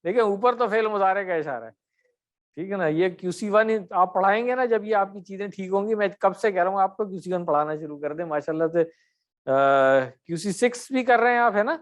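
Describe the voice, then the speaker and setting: Man, high-pitched teacher voice, corrective, quizzing students, online class. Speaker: Arabic grammar teacher.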